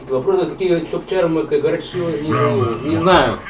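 A man with a slightly high voice speaks at normal speed, a crowd audible in the background. In front of a TV indoors, he streams a video game with casual, grumbling, exasperated remarks. A distant mic picks up loud game music and sounds.

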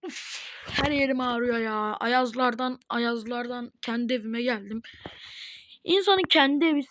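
High voiced girl narrating her game to viewers, chatty, gets all dramatic. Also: a little slow, fairly bright tone. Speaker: gaming video host. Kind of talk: casual gameplay commentary. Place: at home.

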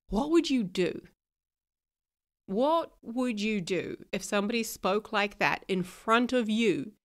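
A New Zealand-accented woman hosts a podcast, her medium-pitched voice still a little nasal from a cold. She talks frankly and casually, swears now and then and laughs often.

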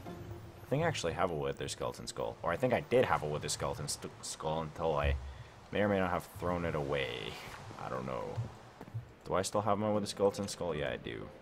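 A young man narrates his own game session for YouTube late at night at home, a casual let's-play full of rambling, self-questioning and filler words like "like" and "I don't know." His bass voice is gravelly and expressive, moving fairly quickly. Faint music plays behind him, picked up by a desk mic.

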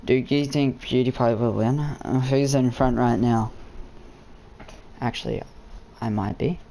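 Young kiwi guy, slightly gravelly, streaming. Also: mid-range voice, steady tone, a little slow, mellow, slight background noise. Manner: slangy, laid-back, matey and sweary. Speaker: game live streamer. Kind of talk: casual gaming live-stream chat.

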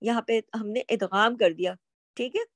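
A woman's voice: a little high, normal speed, no room sound. A woman teaching Quran recitation rules, stretching out example words and then explaining them.

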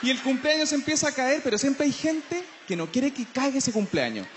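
A Chilean man doing stand-up on an outdoor festival stage, his voice pitched very high. He talks in slangy, mocking bursts and drops into silly impressions. Faint noise sits under the live sound. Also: very animated, normal speed. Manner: slangy, mocking, jumps into mimicry and scat singing. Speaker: stand-up comedian.

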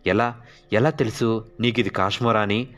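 A man voicing a wandering male fakir who mocks at first and later turns solemn, raised above his low narrating voice. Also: steady tone, normal speed, fairly bright tone, close to an everyday voice. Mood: alarmed. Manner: laughing, teasing, then solemn. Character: wandering male fakir, mocking then grave.

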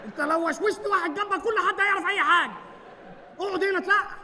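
Fast scolding village elder, high bright voice, live theater echo. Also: male voice, a faint crowd, exaggerated voice. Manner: scolding, quick. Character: village elder trying to calm a loudmouth. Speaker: stage comedy actor. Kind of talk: live stage comedy. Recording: hall reverb, audience noise.

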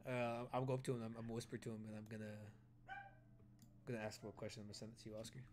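A man talks rapidly as a tabletop game player, eagerly stating his character's moves and doubling back on his words as he goes. His pitch sits in an ordinary middle range, with a faint hiss of noise underneath. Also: little pitch movement. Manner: rapid, eager, stumbling restarts.

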